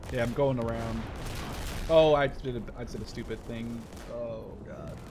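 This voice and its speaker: Speaking at normal speed with a medium pitch and fairly even intonation, a gaming YouTuber from the Netherlands in his 20s gives casual commentary while playing an online shooter alongside a friend. After an upbeat intro he turns chatty and reactive. The background is noisy.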